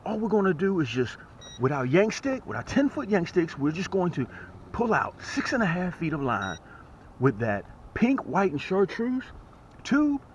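Speaking from a small boat on a lake during early morning rain, this fishing channel host has a voice that sits high and a moderate pace. His casual vlog is excitable and repetitive, and he often drops to a hush while talking straight to the audience on the water. An action camera mounted on the boat captures it as dull lo-fi audio with faint outdoor sound.

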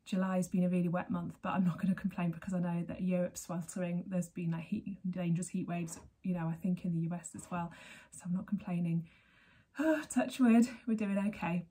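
A woman in her thirties from Berkshire, England, talks casually to camera about knitting for her podcast, rambling and laughing frequently in her sunny living room. Her voice runs on the low side, fairly quick with fairly even intonation, dark-toned with a breathy edge. She's recorded by a camera at desk distance.

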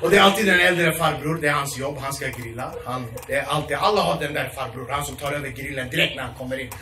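A man performing stand-up comedy on stage, animated and acting out his relatives in loud, shouting voices. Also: medium pitch, noisy background. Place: theatre stage before a live audience. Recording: roomy live stage sound from a distance, loud laughing audience.

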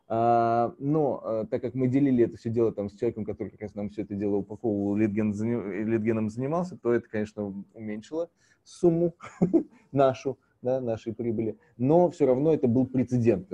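A man's voice: medium pitch, warm tone, dry recording. A man, a business owner, talking casually as a guest on a video call, hesitant, with many fillers and chuckles. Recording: dull lo-fi call audio.

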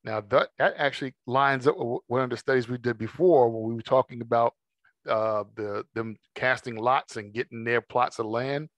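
Measured man teaching scripture, dry sound. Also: mid-range voice, no echo. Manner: measured, reads verses slowly then explains. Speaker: Bible study teacher. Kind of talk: scripture study talk, reading aloud.

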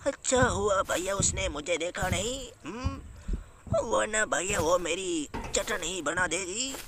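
A man's voice: high voice, slow, music in the background. A man voicing a timid, whiny young cartoon sidekick who pleads and frightens easily, acting over gameplay. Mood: scared. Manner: pleading, frightened, calls everyone "bhaiya".

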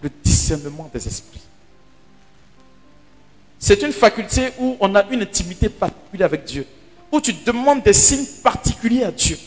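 Animated high-voiced priest preaching. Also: male voice, moderate pace, pauses often. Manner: animated storyteller, dramatic drops to hushed asides. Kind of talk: sermon teaching. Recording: hall reverb with faint music.

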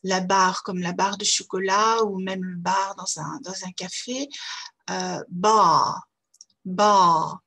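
A woman teaching English vowels to French children, saying each word slowly and repeating it with care. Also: mid-range voice, a bit bright, breathy edge. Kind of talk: slow, careful pronunciation lesson.

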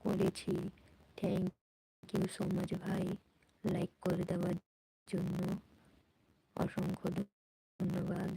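Soft-spoken woman, husky, very flat voice. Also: on the low side, slow pace, long pauses, dry recording, poor audio. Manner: speaks softly and quietly so a sleeping baby stays asleep; pleading, repetitive coaxing of viewers to comment. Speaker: live-stream host. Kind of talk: casual live-stream chat with viewers. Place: home at night.

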